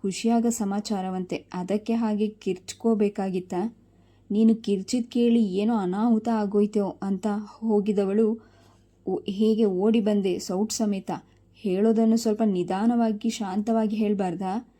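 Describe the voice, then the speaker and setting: A busy middle-aged mother from a storybook, short-tempered and scolding, read by a woman. Her voice is dark and mellow and stays on an even pitch. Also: unhurried, natural voice. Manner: impatient, scolding.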